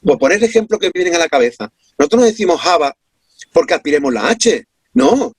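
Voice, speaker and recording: A man's voice: a little high, very animated, brisk, husky, no room sound. A man from Córdoba with an Andalusian accent, explaining as an interview guest from his home over a video call, emphatic and full of rhetorical questions. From Córdoba, Andalusia, Spain.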